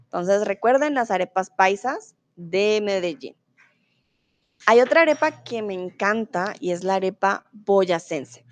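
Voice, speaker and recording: A woman's voice: mid-range voice, animated, unhurried, no echo. A woman from Bogotá, Colombia, teaching a live online Spanish class in a friendly manner and reading out her students' comments. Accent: neutral Bogotá Colombian Spanish. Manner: friendly, reads student comments aloud with laughs.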